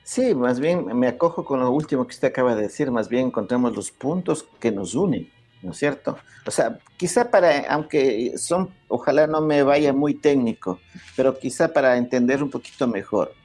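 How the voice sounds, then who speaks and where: An animated Ecuadorian guest explains music history at normal speed, his mid-range voice a little mellow. He lectures through the interview, restarting often and checking in with "¿ya?" again and again.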